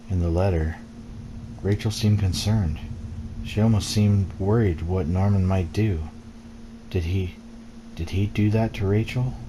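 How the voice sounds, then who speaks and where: Over clear noise and game ambience, a deep-voiced man playing a let's play reads a first-person game story aloud. He narrates in a measured, brooding way, like dramatic narration.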